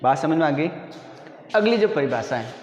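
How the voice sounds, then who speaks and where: Male schoolteacher, slightly high voice, unhurried and repetitive, roomy classroom reverb. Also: lively intonation, muffled recording, a little hiss or hum. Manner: slow, patient, repeats definitions and quizzes students. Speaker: school teacher. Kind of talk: classroom grammar lesson. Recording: echoey room with long reverb.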